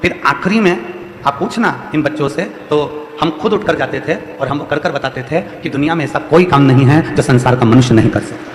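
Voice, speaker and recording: A man's voice: a little high, a little fast, a little hiss or hum. Male preacher, central Indian Hindi accent, exhorting, repetitive cadence, echoey live hall. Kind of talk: devotional sermon to a crowd. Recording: echoey hall with faint music.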